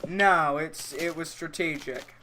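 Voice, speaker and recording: A young man in casual voice chat, teasing a friend and swearing often in deadpan mock arguments. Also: a little high, takes it slowly.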